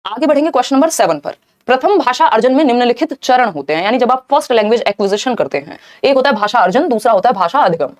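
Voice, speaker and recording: Woman teacher talking fast on a live class, a bit high, answers the chat as she goes. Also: expressive. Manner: brisk, explanatory, talks to chat viewers. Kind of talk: live online exam-prep lesson.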